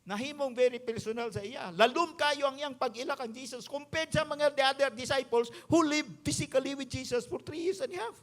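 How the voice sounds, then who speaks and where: High-voiced Visayan Filipino pastor preaching. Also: male voice, a little fast, hardly any pauses, faint music behind. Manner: emphatic preaching, mixing English with the local language. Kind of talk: sermon.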